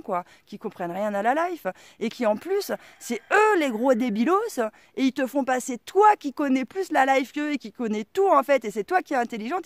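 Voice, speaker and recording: A woman's voice: a little high, a little mellow, no room sound. A middle-aged woman with a strong regional French accent, vlogging in a casual, rambling way, full of slang and fillers. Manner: rambling, lots of fillers like "quoi" and "euh", slangy. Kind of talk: casual vlog monologue.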